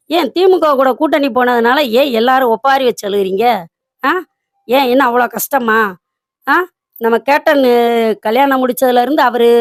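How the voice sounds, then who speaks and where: Woman, local party organiser, high voice, dry close sound, fires off rhetorical questions. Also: no room sound. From Virudhunagar district, Tamil Nadu. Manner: scolding, rapid rhetorical questions. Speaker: local party women's wing secretary. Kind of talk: political message to party supporters.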